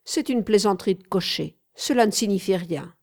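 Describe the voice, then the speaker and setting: A woman narrating an audiobook in a measured, clear reading voice. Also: mid-range voice, a little mellow.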